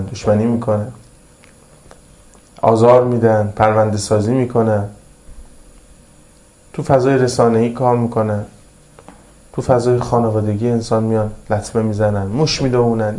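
Male preacher, mellow dark voice, reads arabic slow then explains it casual, repeats stuff a lot. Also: on the low side. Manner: recites Arabic slowly, then explains in colloquial talk; repetitive, emphatic phrasing. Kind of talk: religious sermon.

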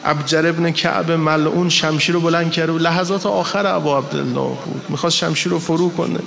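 A man's voice: on the high side, fairly even intonation, gravelly, a bit bright. A man preaching an impassioned mourning sermon to a live gathering, telling the story with strong emphasis. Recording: reverberant hall with faint ambience.

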